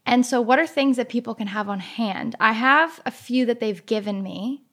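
A woman's voice: a little high, moderate pace, fairly bright tone. A woman with a Boston accent co-hosting a casual chat, playful and chatty, reading through a list and asking questions. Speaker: co-host.

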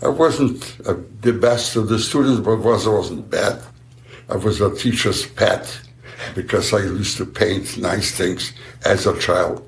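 Slow gravelly man in his nineties. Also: on the low side, reverberant, slight background noise. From Galicia, then Poland, now Ukraine. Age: 90s. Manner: halting, repeats words while searching. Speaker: interviewee, survivor. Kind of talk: slow unhurried answers in an interview.

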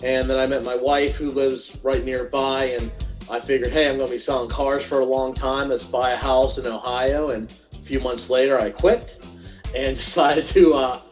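A man from western Pennsylvania talking as a guest over a video call, telling stories with dry, self-mocking humor. His voice is mid-pitched and easygoing, with faint music behind it. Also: fairly even intonation, normal speed. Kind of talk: casual interview storytelling.

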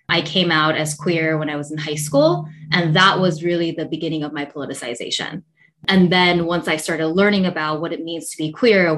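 A woman from South Korea speaks as a podcast guest in a fairly low voice. She answers reflectively and earnestly, breaking into light laughs between thoughts. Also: fairly bright tone.

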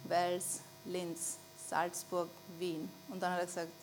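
Preaching in a conversational style, this Austrian-accented woman pastor keeps asking listeners for assent and slows her speech to emphasize important phrases. She speaks fairly low with a completely flat delivery, over a faint mains hum.

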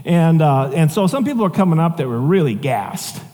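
Pastor, male, high voice, storytelling sermon, long hall reverb. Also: normal speed. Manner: conversational, animated storytelling with asides and chuckles.

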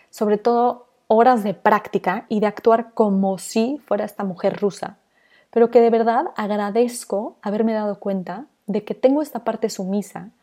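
A young adult woman, hosting a podcast and telling a personal story, lively and acting out the people in it. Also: medium pitch. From Mexico. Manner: animated, acts out the people in her stories. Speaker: podcast host.

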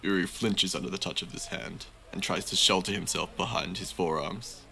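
A man narrating a tabletop fantasy game as game master, in slow, measured, vivid storytelling. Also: sits low, creaky, pushed and bright, a little hiss or hum.

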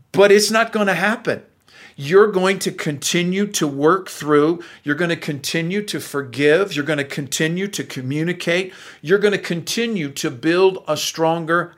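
A man's voice: on the high side, fairly bright tone. A pastor in his sixties preaching a sermon in an earnest, folksy way, speaking straight to the men in the room.

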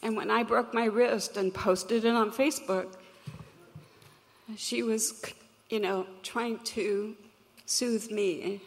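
A woman with a gravelly, crackly voice that sits on the high side recounts a personal story to an audience from a stage. Her intonation stays fairly even as she speaks in an earnest, reflective, measured way, and the big hall's long reverb swallows the ends of her phrases.

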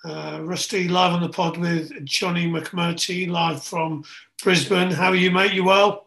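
A man with a raspy, creaky voice hosting a podcast in a casual, chatty way. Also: high voice, little pitch movement, a little slow, bright, forceful tone. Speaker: podcast host.

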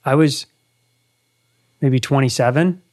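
A man's voice: mid-range voice, slow pace, darkish tone. A man in his thirties, hosting a casual conversation and telling an earnest story with animation. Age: 30s. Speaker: podcast host.

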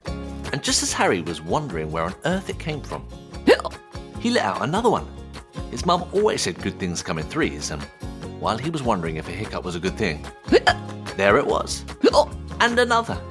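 Expressive woman narrating a kids' story. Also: very deep voice, fast talker, music in the background. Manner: gentle, expressive.

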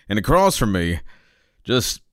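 Lively low-voiced joking man host. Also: unhurried, no room sound, studio quality. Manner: playful and jokey, hamming it up. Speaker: podcast host. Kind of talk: casual podcast chat.

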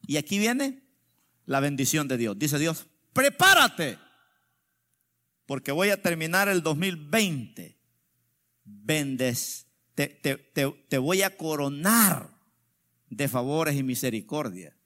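A man preaching a sermon as pastor, drawing out quoted verses slowly and swinging between loud exclamations and quiet asides. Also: on the high side, sing-song.

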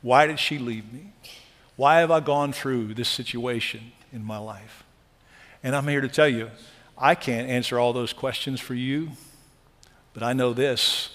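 Man, pastor, sermon delivery, hushed to emphatic swings, mid-pitched voice, long echoing hall. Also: a little slow. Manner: preaching with swings between soft, hushed lines and loud emphatic ones.

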